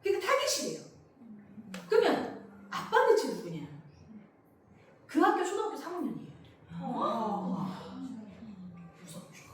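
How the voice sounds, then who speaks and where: A high-voiced woman gives a lecture to parents, and her pitch swings widely as she acts out children and parents. She sounds set back from the microphone in a big echoey hall, with faint noise behind her. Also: huge pitch swings, measured pace, pauses often, recorded from a distance. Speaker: parenting educator.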